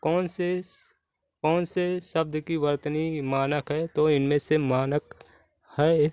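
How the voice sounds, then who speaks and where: A man explains Hindi spelling questions for exam preparation, working through each one methodically and restating the answer. His voice is smooth and clear and sits fairly high, with a flat, even delivery. It is recorded close and dry. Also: takes it slowly, no room sound. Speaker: Hindi exam-prep teacher.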